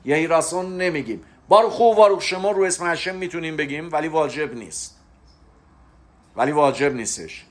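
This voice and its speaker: A man giving a spoken religious lesson, explaining terms step by step with pauses to stress key words. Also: on the high side. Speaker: religious teacher.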